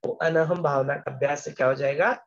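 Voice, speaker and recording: A man's voice: on the high side, fairly even intonation, fairly quick, dull audio. A man giving an explanatory scripture lesson as a spiritual teacher, patiently repeating words and slipping English phrases into his talk.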